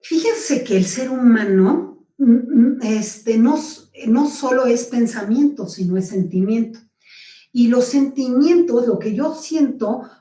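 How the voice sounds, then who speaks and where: A woman's voice: fairly high pitch, a little mellow. A middle-aged woman giving a lecture on personal development, explaining patiently and often checking in with her audience. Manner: explanatory, addresses audience with frequent check-ins. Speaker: speaker on communication. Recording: roomy, distant from the mic.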